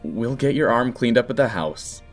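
A man playing a mild, forgiving middle-aged father in a comic dub, calm and measured. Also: mid-range voice, faint music behind, natural voice.

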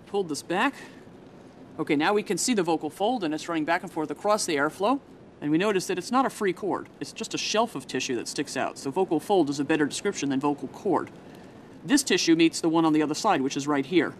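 A woman's voice: low voice, lively intonation, fast, a little hiss or hum. A woman scientist giving a plain-worded, step-by-step explanatory demonstration for a documentary.

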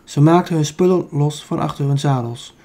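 A man's voice: fairly high pitch, normal speed, warm tone. A man with a Dutch accent reading a children's book aloud, with small slips he corrects as he goes. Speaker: audiobook reader.

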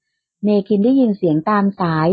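Woman reading a romance audiobook, calm and steady, dull dry home-studio sound. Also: fast talker, no room sound. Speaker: audiobook narrator. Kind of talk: scripted audiobook narration.

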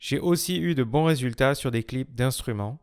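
A man's voice: medium pitch, moderate pace, music in the background. Male tutorial narrator, scripted delivery. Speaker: music production tutorial narrator.

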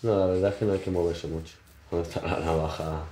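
A man in his twenties, a barber, chatting casually while shaving a client in his small shop, in short relaxed phrases. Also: sits low, fast talker. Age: 20s. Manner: relaxed, modest, talks in short trailing phrases. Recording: roomy shop echo, faint noise.

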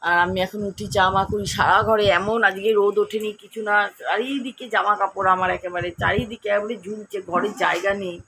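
A woman's voice: mid-range voice, steady tone, a little fast, pushed and bright, slight background noise, rough recording. A woman, chatting casually at home about her day in a rambling, homely vlog style. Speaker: homemaker vlogger. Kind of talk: casual daily-life vlog narration. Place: at home, indoors.

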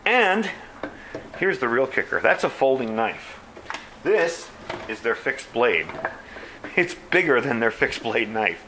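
A man's voice: medium pitch, big pitch swings, takes it slowly, long pauses, pushed and bright, slight background noise. A man casually reviewing folding knives in an easygoing, plainspoken way, with frequent fillers. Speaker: knife reviewer.

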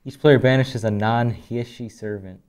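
A young man talks casually at a table as he opens trading cards. His voice sits at a middle pitch, and his speech is slangy, slowing and halting over names. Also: darkish tone, clear, resonant tone. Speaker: card box opening host. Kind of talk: casual chat while opening trading cards. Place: indoors at a tabletop.

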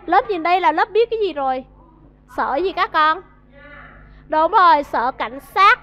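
A woman's voice: extremely high pitch, expressive, a little slow, bright, forceful tone. A woman with a Vietnamese accent teaching an English vocabulary lesson to a class, coaxing answers and drilling pronunciation. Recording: dull lo-fi audio.

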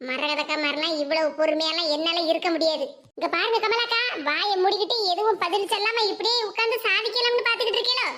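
A woman's voice: very high voice, fast talker, pushed and bright. A woman doing a hot-tempered scolding neighbour. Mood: angry. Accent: Tirunelveli Tamil. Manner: scolding, confrontational.

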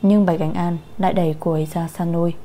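A woman narrating an audio story in steady, even storytelling. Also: lowish voice, fast, slight background noise.

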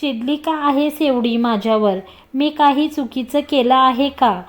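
Woman reading as cocky, teasing young man; high voice. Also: a little slow. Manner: teasing, joking.

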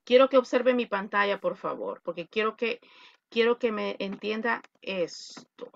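A woman's voice: medium pitch, animated, measured pace, creaky, lo-fi sound, a little hiss or hum. A woman teaching an online English class, mixing Spanish and English and correcting pronunciation. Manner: switches between Spanish and English.

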